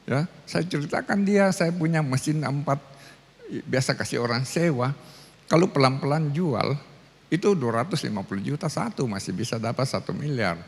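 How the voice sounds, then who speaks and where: A male pastor shares a personal testimony from the pulpit of a large venue. His voice is husky with a gravelly edge, and he tells the story animatedly, slipping into the voices of others. The sound carries a long reverberant tail from the hall. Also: mid-range voice, lively intonation, normal speed. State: ill with cancer. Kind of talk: testimony sermon.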